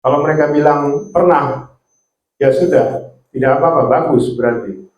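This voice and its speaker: A man preaching a sermon, often ending his phrases with a soft "ya". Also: on the high side, moderate pace, echoey room, low-quality recording. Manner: repetitive, ends phrases with "ya".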